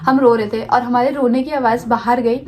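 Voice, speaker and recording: A woman's voice: fairly high pitch, fairly even intonation, moderate pace, a little mellow. A young woman vlogger telling a personal story in a casual, rambling way, restarting sentences and mixing in English words. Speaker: lifestyle vlogger.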